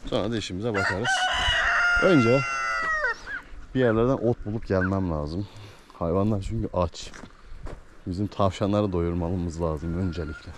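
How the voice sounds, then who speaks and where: A man's voice: sits low, normal speed. A man vlogging casually from his farm, chatting to viewers and fondly to his animals. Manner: chatty, affectionate with his animals, laughs often. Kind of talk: casual vlog talk to camera. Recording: noisy farm sound with clucking chickens.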